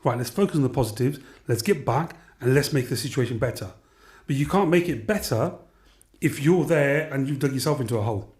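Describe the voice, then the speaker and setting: A man, an aid worker, explaining his work in an interview in a practical, steady way. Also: medium pitch, a little fast. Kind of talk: interview reflection.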